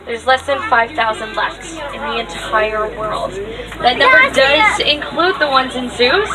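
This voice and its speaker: A woman's voice: a little high, measured pace, loud music behind the voice. A woman giving live, upbeat tour commentary as a safari guide. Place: outdoors on a moving safari ride vehicle. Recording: distant mic, noisy open vehicle with passengers.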